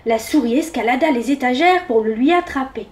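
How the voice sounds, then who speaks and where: A woman from France reads a children's picture book aloud for a library audience. Her voice is high and clear, and she narrates gently and expressively. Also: brisk, a little hiss or hum. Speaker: children's story reader at a library. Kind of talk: storybook read-aloud for children.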